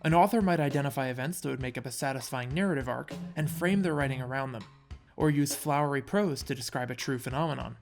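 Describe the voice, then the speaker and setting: Narrating a scripted video essay over background music, a man with a medium-pitched voice and vocal fry speaks fast. His storytelling is wry and casual, with touches of drama.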